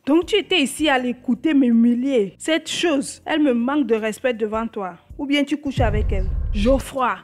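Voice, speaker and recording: A woman plays a short-tempered wife who scolds and accuses in a high-pitched voice. Soft music runs under the dubbed film track. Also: normal speed, hardly any pauses, natural voice. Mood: accusing. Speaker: angry wife.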